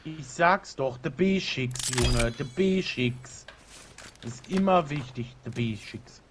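A man's voice: medium pitch, animated, noisy background. A man joking and teasing his friend while commentating a multiplayer game. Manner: teasing, joking, quick mocking asides. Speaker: let's play commentator. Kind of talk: casual gaming banter.

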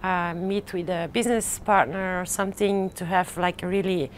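Her voice is on the low side and fairly even in intonation as she guides a casual rooftop garden tour. The lapel mic adds a little hiss or hum, and her delivery is halting, full of "uh"s and restarts.

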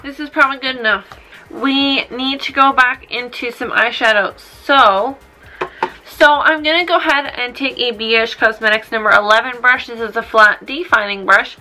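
A woman's voice: on the high side, normal speed, pushed and bright, slight background noise, poor audio. A woman in her twenties chatting through a casual makeup tutorial in a tipsy, rambling, blunt and sweary way. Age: 20s. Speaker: makeup vlogger. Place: small room indoors.

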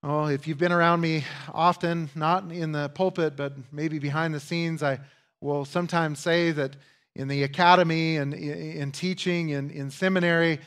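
A man's voice: on the high side, steady tone, moderate pace, fairly bright tone, smooth. A male pastor giving a conversational teaching sermon, with asides and emphatic repetition.

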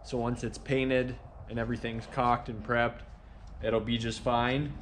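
With a medium-pitched voice and a little background noise, a man explains a barn repair job on his vlog. As a carpenter and host of the channel, he keeps it relaxed and explanatory, leaning on "uh" and "kinda," both outside at the farmyard barn and in a large workshop.

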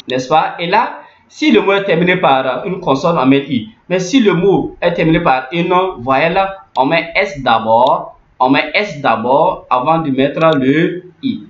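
Male teacher, slightly high voice; patient, repetitive explaining; roomy, dull lo-fi recording. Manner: repeats phrases, many fillers, muttering asides. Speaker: language teacher. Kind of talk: explaining on-screen lesson. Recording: echoey room, dull lo-fi sound.

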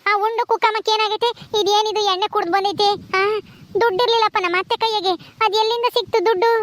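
Woman playing a young daughter-in-law, very high voice, indignant and complaining, village comedy skit. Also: fairly even intonation, fast talker, a bit bright.

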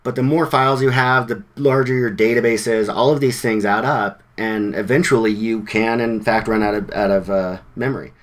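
A man's voice: fairly low pitch, steady tone, normal speed, hardly any pauses. A man giving a casual, conversational presentation to a developer meetup, with informal slang and frequent restarts. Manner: conversational, with many fillers and restarts.

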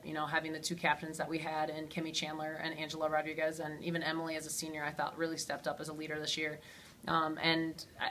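Female coach, postgame interview, low monotone delivery, lots of filler words, faint hiss behind. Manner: steady, many ums and you-knows. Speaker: head basketball coach.

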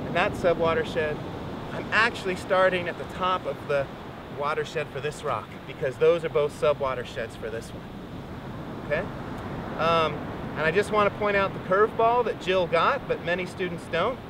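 Encouraging male teacher on a windy beach. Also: high-pitched. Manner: encouraging, explains step by step. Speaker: rainwater harvesting teacher. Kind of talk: outdoor teaching demonstration. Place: sandy beach outdoors by the surf. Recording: distant outdoor mic with surf noise. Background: waves and wind.

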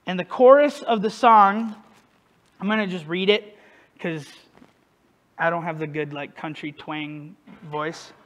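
With a high, slightly bright voice and a steady tone, this northern U.S. pastor preaches a relaxed sermon a little slowly. He is self-deprecating and conversational, regularly putting questions to the people in the pews.

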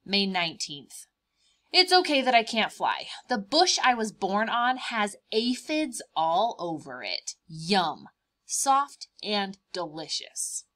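Reading a picture book aloud, the woman gives a slow, medium-pitched voice to the cheerful, bragging young praying mantis, drawing out words with expressive emphasis. Here the mood is matter-of-fact and hungry.

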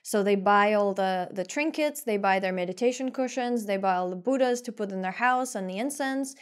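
A woman's voice: medium pitch, a little fast, clean tone. A woman co-hosting a casual podcast conversation, easygoing, with light laughs and fillers. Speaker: podcast co-host.

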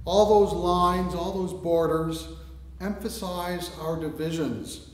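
A man's voice: high voice, takes it slowly, slight background noise. A middle-aged man speaking as a priest, leading liturgy and preaching. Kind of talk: liturgy and sermon. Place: church chancel, standing, indoors. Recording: echoey church interior.

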